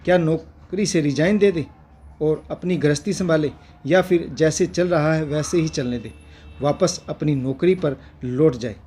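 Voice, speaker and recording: A man narrating a family story as channel host, in a steady, earnest way. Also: on the high side, measured pace, a little hiss or hum.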